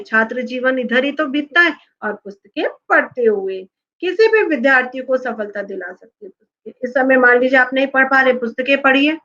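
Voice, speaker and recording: A woman's voice: high-pitched, bright, forceful tone, dull audio. A woman teacher explaining a lesson to children, often asking them rhetorical questions. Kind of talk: classroom lesson talk to children.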